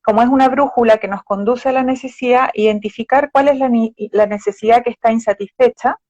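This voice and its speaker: Speaking a little high with fairly even intonation and a dark tone, this woman talks fairly quickly. She is a psychologist guest on a live stream, patiently walking through explanations and illustrating them with quoted phrases, and the audio is dull and dry without room sound.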